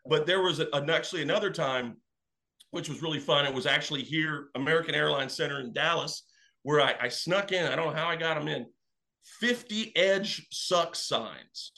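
A man guest chatting casually, telling animated stories and acting out what people said. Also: on the high side, normal speed, gravelly. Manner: animated, acts out quotes. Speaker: wrestling fan guest. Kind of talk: casual storytelling.

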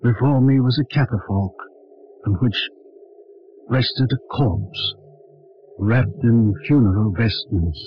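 An actor playing a weary, courteous, brooding President Lincoln, speaking in a grave, halting, solemn way in a vintage radio drama. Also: male voice, medium pitch, soft background music, close to an everyday voice. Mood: haunted dread. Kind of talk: 1950s radio drama acting. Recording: dull vintage radio recording.

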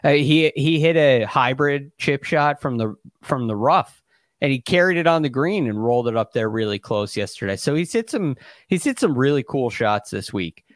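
A man's voice: medium pitch, lively intonation, moderate pace, no echo, clean studio sound. A man co-hosting as a golf commentator, explaining shots in a casual, conversational way with hesitant phrasing. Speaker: golf podcast co-host and analyst.

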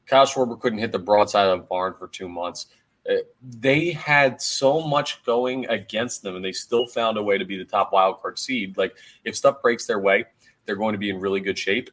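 A man with a fairly low voice hosts a solo sports podcast. He talks in an energetic, conversational way, with plenty of "like" and "uh." His voice sounds a bit worn and hoarse. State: hoarse, voice going. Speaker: podcast host.

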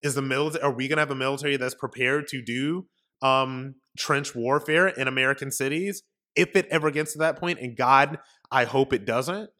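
In a ranting monologue on his political commentary podcast, a male host speaks emphatically, repeating himself and firing off rhetorical questions. His mid-range voice is bright and forceful at a normal speed.

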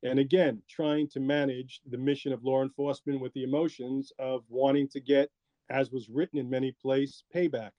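A man, a former law enforcement officer, recounting his experience in a measured way with frequent pauses. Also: mid-range voice, flat delivery, mellow, no echo, lo-fi sound. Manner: measured, with frequent ums and asides. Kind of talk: reflective interview storytelling.

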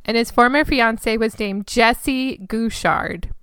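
A woman's voice: fairly high pitch, takes it slowly, a bit bright, clear, resonant tone, dry recording, clean studio sound. Femme au mélange d'accent texan et valley girl, voix grinçante et plutôt aiguë, rieuse, son sec et proche. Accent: mix of Texan and Valley Girl. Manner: giggly, chatty storytelling with many fillers. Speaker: podcast host. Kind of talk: casual co-hosted true crime chat.

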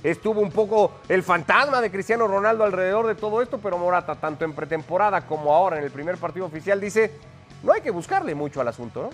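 A man's voice: high-pitched, expressive, fast talker, fairly bright tone, soft background music. A man hosting a football discussion show, speaking in an emphatic, conversational way. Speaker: sports show host.

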